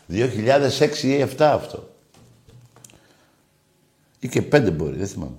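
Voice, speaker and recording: Male radio host, low and lively voice, bantering with callers, roomy echo. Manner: animated storytelling, teasing callers. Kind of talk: casual call-in radio chat.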